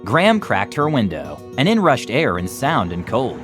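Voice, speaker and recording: A storytime reader who also teaches a music club narrates a children's story in a mid-pitched male voice. His melody is very lively and expressive, his pace moderate, and music is clearly heard behind him.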